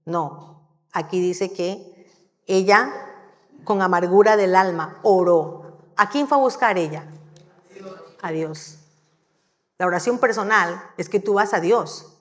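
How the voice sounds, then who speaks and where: A woman giving a sermon in a church, telling the story in a lively, conversational way. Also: medium pitch, slow, pauses often. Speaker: church speaker. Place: church hall. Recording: long hall reverb.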